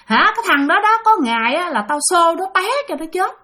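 A woman's voice: sits high, very animated, fast talker, a bit bright. A woman with a Southern Vietnamese accent voicing the furious ghost of an old great-aunt, cursing shrilly. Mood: scolding.

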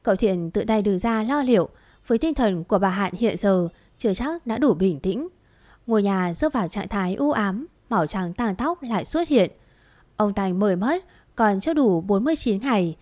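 A woman narrating a dramatic story in a steady, expressive reading voice. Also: mid-range voice, normal speed.

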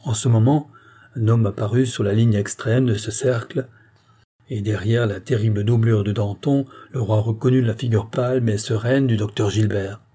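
A man narrating a historical novel as an audiobook in a steady, measured storytelling voice. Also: fairly low pitch, slightly rough.

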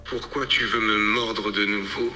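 A synthetic male voice voicing a bewildered male farmer who guards his secrets, in calm, evenly read lines. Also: lowish voice, a little slow, faint music behind. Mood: puzzled.

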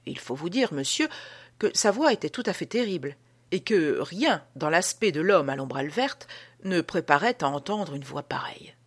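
A woman reading an audiobook as an old male prison guard telling an uncanny tale, with a dramatic, hushed delivery. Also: low-pitched, lively intonation, normal speed, breathy edge, full character voice. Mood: spooked. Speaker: audiobook reader.

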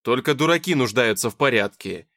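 A man's voice: mid-range voice, expressive, a little fast, bright, forceful tone, no room sound. A man voicing a sardonic, grumbling young man with a dry, sarcastic manner. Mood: wry.

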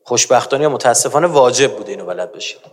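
A man's voice: medium pitch, lively intonation, long reverb tail. A man giving an emphatic religious lecture who keeps urging his audience to listen closely. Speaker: preacher.

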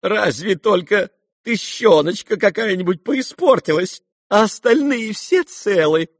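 A man's voice: high voice, animated, unhurried, no echo, clean studio sound, pitched above the performer's own voice, full character voice. A man voicing a servile, fawning older male clerk who laments in a sing-song wail.

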